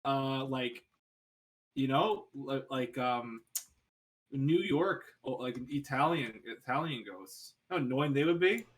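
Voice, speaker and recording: A young man hosting a casual podcast chat, animated, swearing freely and laughing often. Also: mid-range voice, takes it slowly. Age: young adult. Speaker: podcast host.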